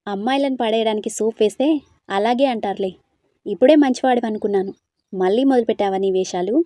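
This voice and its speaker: A woman's voice: mid-range voice, quick pace, mellow, no room sound, lightly acted. A woman voicing a feisty, bossy young woman in a storybook, scolding and teasing.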